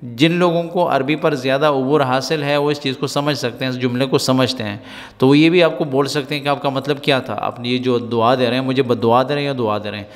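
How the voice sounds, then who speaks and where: A man's voice: medium pitch, fairly even intonation. A man teaching spoken Arabic in a lesson, explaining patiently, repeating words and checking that listeners follow. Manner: patient, repetitive explaining with frequent "right?" checks. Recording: long hall reverb.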